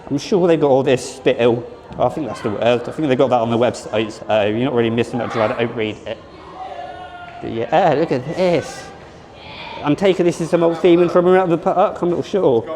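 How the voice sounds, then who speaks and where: A man's voice: mid-range voice, normal speed, background noise. A man giving casual, rambling vlog commentary at a theme park and then inside an exhibition. He thinks aloud, often restarts and corrects himself.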